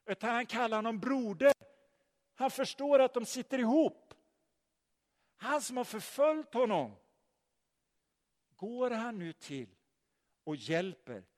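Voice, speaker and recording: A man preaching a sermon, telling the story in a lively way and putting questions to his listeners. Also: very high-pitched, pauses often. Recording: long hall reverb.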